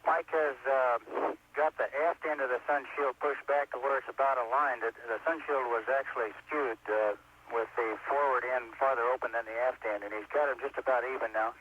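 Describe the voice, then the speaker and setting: A dull, muffled radio transmission with light noise carries a man's voice. He is an astronaut reporting technical progress from a shuttle. His delivery is halting and matter-of-fact, at a middling pitch. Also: fairly even intonation. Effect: spacecraft radio transmission. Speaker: astronaut aboard a space shuttle. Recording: muffled band-limited radio link, faint noise.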